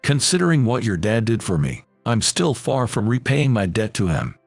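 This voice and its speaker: A man's voice: on the low side, big pitch swings, normal speed, breathy edge, no room sound, soft background music, heavily acted. A man voicing a kind, fatherly middle-aged restaurant chef. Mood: fond. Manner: warm, fatherly.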